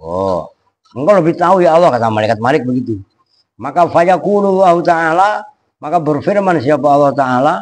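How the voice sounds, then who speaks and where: Casting: man, kitab teacher, slightly high voice, loose and chatty. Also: expressive, moderate pace. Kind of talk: pesantren kitab lesson, word-by-word translation.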